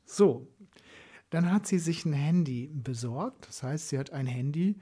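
Man, mid-pitched, mellow and slightly husky, chatty storyteller who quotes other people. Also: unhurried. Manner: storytelling, quotes his client in lively asides. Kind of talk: casual conversation.

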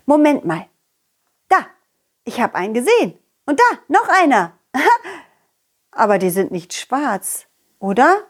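A woman's voice: a little high, big pitch swings, unhurried, pauses often, breathy edge, heavily acted. A woman playing a bouncy cartoon dog. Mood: cheerful. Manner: bouncy, sing-song, talks straight to children. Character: cheerful young male dog, playful and excitable. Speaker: storyteller for children. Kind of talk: children's audio story told in character.

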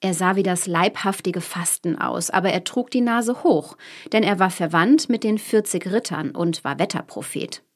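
A woman narrating a storybook in an expressive reading style. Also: lowish voice. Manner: expressive, questioning asides.

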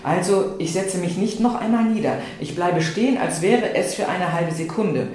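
A woman giving a first-person literary reading, with an expressive delivery that swings between anxious and defiant. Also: lowish voice, normal speed, slight background noise. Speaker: reader. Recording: very echoey room, faint ambience.

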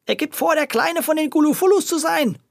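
A storyteller voicing a hot-tempered middle-aged male greengrocer who shouts and rants in a children's audio story. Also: a little fast, vocal fry, no echo, clean studio sound. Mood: agitated ranting. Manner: shrill, shouting and ranting.

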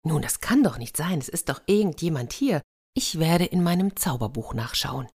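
A woman's voice: low voice, sing-song, moderate pace, darkish tone, slightly rough, exaggerated voice. A woman voicing a proud, stern young princess sorceress in a told fairy tale, speaking in a commanding tone. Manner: commanding, imperious.

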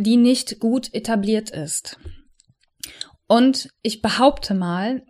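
A woman, probably in her thirties, speaking to the listener in a personal, reflective monologue as a coach, soft and earnest, slowing to stress key words. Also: mid-range voice.

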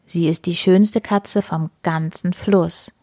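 A woman reading the part of a big, strong father tomcat in a storybook, calm and kindly. The delivery is slow and unhurried, with a husky, gravelly grain. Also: fairly low pitch.

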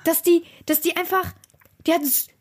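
A woman's voice: very high voice, steady tone, moderate pace. A young woman co-hosting a podcast, chatting casually and telling a story with lots of fillers and restarts. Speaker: podcast co-host. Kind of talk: casual chat.

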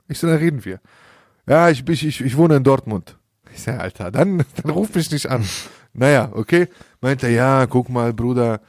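A man's voice: mid-range voice, a little mellow, dry recording, studio quality. A young man telling a story in casual slangy chat, often laughing and acting out quoted lines. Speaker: podcast host.

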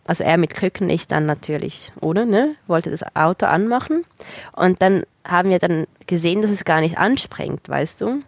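A woman tells a story in a casual chat. She is animated and laughs often. The close microphone gives a dry, intimate sound. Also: lowish voice, normal speed, dry recording.

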